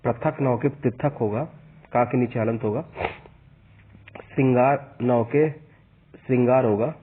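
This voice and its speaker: A man teaching a spelling lesson for an exam, slowly spelling out each vowel sign and repeating the corrections. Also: mid-range voice, fairly even intonation, husky. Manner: slow and repetitive, spelling out vowel signs. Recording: tinny phone-like sound.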